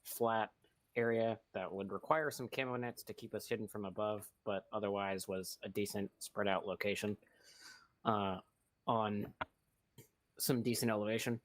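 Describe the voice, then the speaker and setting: A man giving a recon report over voice chat, halting with many fillers. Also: on the low side, steady tone, dry recording. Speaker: recon squad leader.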